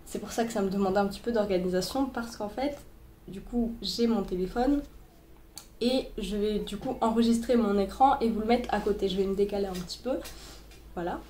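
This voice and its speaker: A young woman sewing vlogger chats casually through a tutorial, full of fillers and restarts, sounding a little stuffy from a cold. Her medium-pitched, warm voice moves fairly quickly, recorded on her boyfriend's phone in a reverberant room with a bit of hiss or hum.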